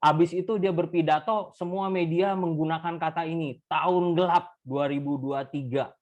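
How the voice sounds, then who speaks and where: A man's voice: a little high, steady tone, moderate pace, dull audio. A man giving a casual, joking talk and prayer as a guest speaker at a prayer meeting, with frequent filler sounds, over a video call.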